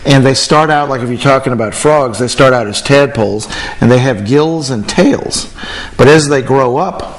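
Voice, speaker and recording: A man presenting a kids' show with the patter of a kids party magician, explaining simply and putting questions to a child. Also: mid-range voice.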